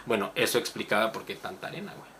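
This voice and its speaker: A middle-aged man with a Mexican accent, telling a story in casual podcast chat, animated and swearing freely. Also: fairly low pitch, racing, slight background noise. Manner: animated, laughing, swears often. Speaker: podcast host.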